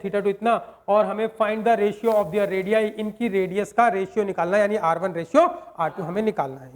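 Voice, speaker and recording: A male maths teacher, explaining a problem and quizzing his students with constant rhetorical questions. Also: sits high. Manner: reads English question text slowly, word by word. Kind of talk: whiteboard maths lesson.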